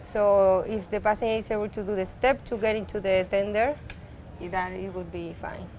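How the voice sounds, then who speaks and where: A woman's voice: medium pitch, steady tone, normal speed, darkish tone, a little hiss or hum. A woman who speaks English as a second language, giving passengers practical information in an unscripted, conversational way. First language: not English.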